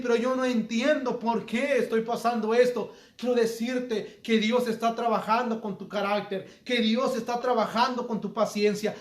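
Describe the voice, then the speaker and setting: A man's voice: high-pitched, echoey room. A man preaching a sermon, speaking earnestly and appealing directly to his listeners. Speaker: pastor.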